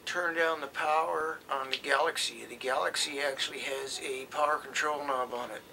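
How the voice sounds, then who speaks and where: Very bright, forceful man explaining things. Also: mid-range voice, steady tone, normal speed, gravelly, slight background noise, rough recording. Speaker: presenter explaining CB radio gear. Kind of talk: informal explanatory talk.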